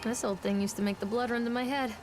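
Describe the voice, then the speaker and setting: A woman's voice: fairly high pitch, fairly even intonation, quick pace, background noise, close to an everyday voice. An actress playing a young mother who searches for her son and calls out to him in a video game. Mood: wistful. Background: game music.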